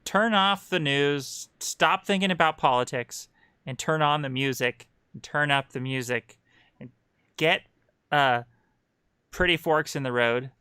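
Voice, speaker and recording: A man co-hosting a casual livestream chat, talking in an upbeat, emphatic, animated way. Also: fairly high pitch, unhurried, clear, resonant tone, no echo, clean studio sound. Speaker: co-host.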